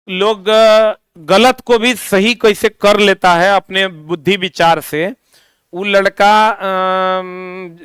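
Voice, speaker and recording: Speaking with a Bihari accent, a coaching teacher lectures his class, scolding students and firing repeated questions at them. His voice sits high with a slightly bright, clean tone, and the studio recording is dry and clean.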